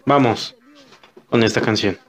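A man's voice: mid-range voice, fairly even intonation, a little slow, music in the background. A Mexican man hosting a comedic podcast in a laid-back, joking manner. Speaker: podcast host. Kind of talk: casual comedic podcast chat.

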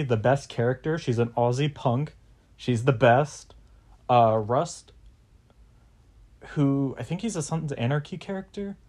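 Young male podcast host, rambling, filler-heavy, casual swearing, mid-pitched voice. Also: a little mellow.

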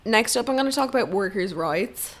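A woman's voice: mid-range voice, lively intonation, fairly quick. A woman hosting a casual solo podcast, rambling and swearing freely, with lots of "like". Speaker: podcast host.

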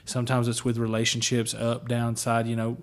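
A man co-hosting a podcast in casual chat, speaking reflectively with drawn-out phrasing. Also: mid-range voice, monotone. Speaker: podcast co-host.

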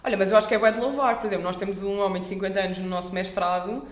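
A woman's voice: medium pitch, steady tone, rapid-fire. A woman in her twenties from Coimbra with a European Portuguese accent, chatting casually and slangily with friends. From Coimbra, central Portugal. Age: 20s. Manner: slangy, chatty, filler-heavy. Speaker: master's student. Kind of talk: casual chat among friends. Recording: roomy, echoing space.

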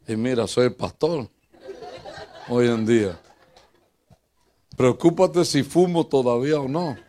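An older man with a Puerto Rican accent, preaching in a church as pastor and telling funny personal stories, jumping between loud bursts and quiet asides. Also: slow pace, a little hiss or hum. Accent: Puerto Rican Spanish. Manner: lively, joking storyteller who swings between loud bursts and low asides.

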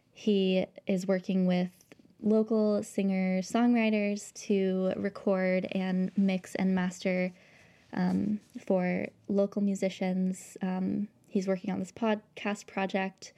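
Woman podcast host, casual and chatty, with a mellow, flat delivery. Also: medium pitch, slow. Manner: chatty, laughs often, frequent ums. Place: small home recording studio.

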